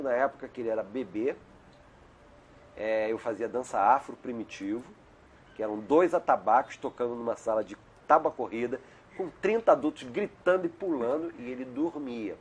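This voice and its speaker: A man's voice: mid-range voice, sing-song, moderate pace, gravelly, slight background noise. A middle-aged male doctor talking as an interview guest in a casual, digressive way, often tagging "né?". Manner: chatty, digressive, frequent "né?" tags. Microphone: video call.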